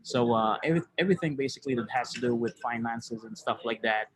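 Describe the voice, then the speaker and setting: A man's voice: mid-range voice, fast talker, a crowd in the background, rough recording. A man from Haiti hosting an online business webinar, talking loosely with many fillers over a computer mic. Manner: loose and chatty, many fillers like "you know". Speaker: webinar presenter. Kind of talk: live webinar presentation.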